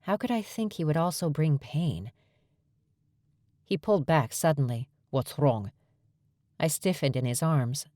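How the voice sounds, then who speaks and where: A woman's voice: low voice, expressive, moderate pace, mellow, no echo. A woman narrating an audiobook in the first person, emotive, with an anxious inner monologue, on a close studio mic.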